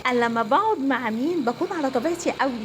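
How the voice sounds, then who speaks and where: A woman family counselor with an Egyptian Arabic accent, giving a casual, animated talk to viewers. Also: high voice, very fast, noisy background. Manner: animated, conversational, acts out quoted voices.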